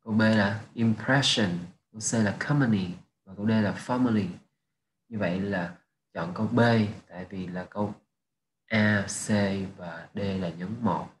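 A man with a fairly low voice explains test answers step by step, reading English phrases. The recording sits in an echoey room with a faint hiss. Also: steady tone, moderate pace. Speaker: English teacher. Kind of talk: exam answer walkthrough.

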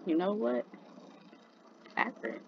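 A woman's voice: medium pitch, slow pace, vocal fry, slightly rough, dull audio. A woman hosting a reaction video, chatting casually and eating while she talks.

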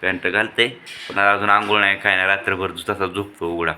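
खोल आवाजातला खेळकर मराठी बाबा. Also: male voice, deep voice, level tone, fairly quick. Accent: Marathi rural Maharashtra. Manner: playful, teasing with children, addresses viewers. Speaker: vlogger father. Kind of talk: casual family vlog. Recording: noisy home recording.

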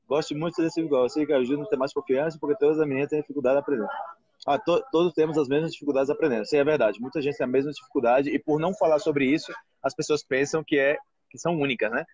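Brazilian guy teaching portuguese live from a restaurant, kinda husky, higher voice, dull dry sound. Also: fast talker, dry recording. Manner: animated, acts out quoted voices. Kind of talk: casual live chat.

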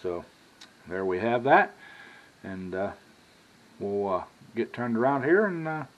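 Standing at the stove in his home kitchen, a folksy American man in his sixties walks through a cooking demo, drifting into long asides and saying "y'all." He has a lowish, expressive voice, and the lo-fi recording is clearly noisy.

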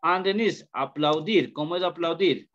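Hombre profesor de inglés, habla lento. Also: male voice, a little high, fairly bright tone. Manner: slow, repeats questions to students, mixes English into Spanish. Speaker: English teacher. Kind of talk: online class lesson. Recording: dull lo-fi call audio.

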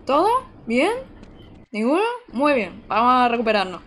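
A woman's voice: on the high side, expressive, normal speed, a bit bright, a little hiss or hum. A young woman, chatting to her viewers while playing a game live. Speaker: streamer. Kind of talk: live gameplay commentary.

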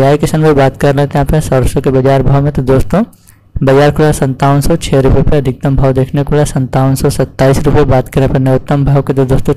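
A man's voice: medium pitch, dark tone, slight background noise, poor audio. A man hosting a channel, reading out market prices to farmers in a repetitive, formulaic way and calling listeners friends. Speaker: commodity price channel host.

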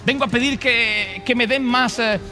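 A man's voice: very high voice, moderate pace, sharp tone, soft background music, pitched above the performer's own voice, exaggerated voice. A man voicing a humble peasant who asks for grain and land in a pleading way.

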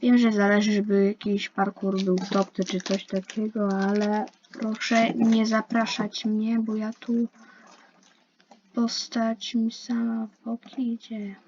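A woman's voice: medium pitch, flat delivery, takes it slowly, a little mellow. Young woman chatting over a game, lo-fi. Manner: chatty, complaining, talks to herself and other players. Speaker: gaming youtuber. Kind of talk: casual gameplay commentary. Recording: dull lo-fi mic with faint hiss.

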